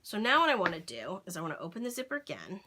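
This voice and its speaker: Speaking fast in a sing-song, fairly low voice, a woman hosts a casual sewing tutorial with background noise audible. She talks through each step, checks in with "okay?", and thinks aloud with fillers and self-corrections.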